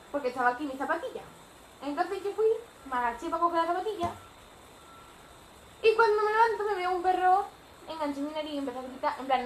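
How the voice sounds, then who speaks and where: A woman's voice: sits high, echoey room, a little hiss or hum, poor audio. A young woman with a Spanish accent from Spain, rambling chattily with many fillers in a casual storytime vlog at home. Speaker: vlogger. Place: home living room.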